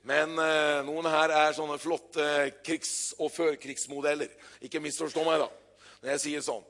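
High-voiced older preacher man. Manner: lively storytelling preacher, builds to loud exclamations; conversational with frequent hesitations. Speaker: pastor. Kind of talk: sermon. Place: church.

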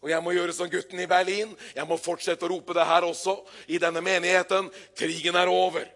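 High-voiced older preacher man. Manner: lively storytelling preacher, builds to loud exclamations; conversational with frequent hesitations. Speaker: pastor. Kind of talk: sermon. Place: church.

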